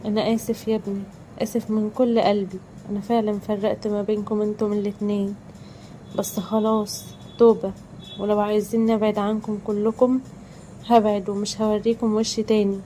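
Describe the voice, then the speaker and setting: A woman's voice: mid-range voice, flat delivery, brisk, warm tone, slight background noise, lightly acted, low-quality recording. A woman voicing a remorseful older father in an Egyptian accent, speaking in a pleading, apologetic way.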